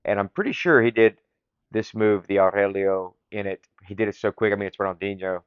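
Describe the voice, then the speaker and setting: A man talks on his own podcast in a low, smooth, resonant voice, eager and rambling, with fillers and false starts. The sound is dry and a little dull, with no room echo. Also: fairly quick. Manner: enthusiastic, rambling, frequent fillers and restarts. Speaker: podcast host. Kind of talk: casual solo podcast monologue.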